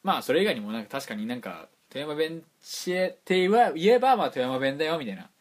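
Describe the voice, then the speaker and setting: A man's voice: fairly high pitch, big pitch swings, fast talker. A man with a Toyama accent co-hosting a casual radio chat, rambling and often restarting his words. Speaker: radio show co-host.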